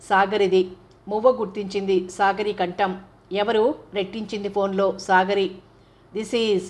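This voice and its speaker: A woman narrating a novel as an audiobook reader, in steady, even storytelling. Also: mid-range voice.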